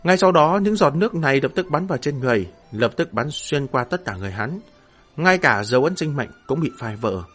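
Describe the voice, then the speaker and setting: A man narrating a fantasy novel in a steady, dramatic storytelling voice. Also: a little high, a little fast, slightly rough, faint music behind. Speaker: audiobook narrator.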